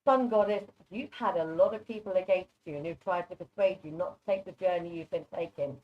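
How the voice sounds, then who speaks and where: A lowish-voiced woman talks fairly quickly while doing casual live psychic readings on a video call, sounding chatty, direct and reassuring. English-born and largely Norwegian-raised, she speaks English with a Norwegian tinge, working as a guest presenter reading cards, and her online mic sounds soft and muffled.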